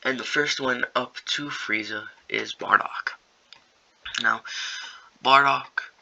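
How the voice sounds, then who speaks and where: A man's voice: mid-range voice, takes it slowly, vocal fry, sharp tone, poor audio. A young man casually improvising a story, rambling and slangy, with many fillers.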